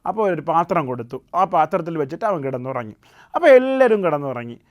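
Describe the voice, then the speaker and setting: Gentle male storyteller for children. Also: a little high, very animated, fast talker, highs cut off. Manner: gentle, keeps asking the children questions as he tells the tale. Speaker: puppet show host and storyteller.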